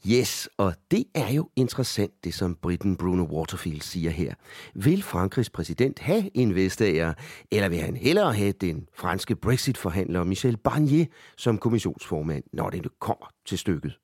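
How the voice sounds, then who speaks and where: A man's voice: deep voice, sing-song, moderate pace, darkish tone, breathy edge, no echo, clean studio sound. A male news correspondent speaking Danish, reporting and introducing interviewees.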